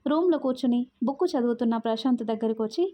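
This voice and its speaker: A woman storyteller giving a steady, expressive scripted narration of a love story. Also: fairly high pitch, quick pace. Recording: muffled lo-fi audio.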